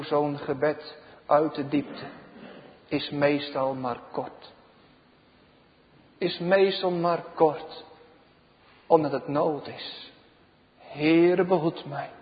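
A man preaching a sermon, slow and emphatic, his voice swelling loud and then dropping to a hush. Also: fairly high pitch. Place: church. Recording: dull reverberant church recording.

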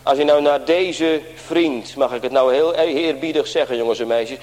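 A man's voice: medium pitch, normal speed, a little mellow. Man preaching a sermon in a reverberant church. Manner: earnest preaching, often addressing the congregation directly. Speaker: pastor.

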